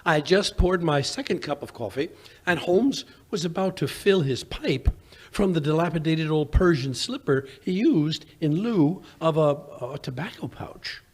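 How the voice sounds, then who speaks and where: A man playing a grumbling but good-natured gentleman doctor, a detective's skeptical companion, husky and blustering, in 1940s radio drama style. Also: on the high side, lively intonation, moderate pace, lightly acted. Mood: genial narrating. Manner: blustering, hesitant, exasperated.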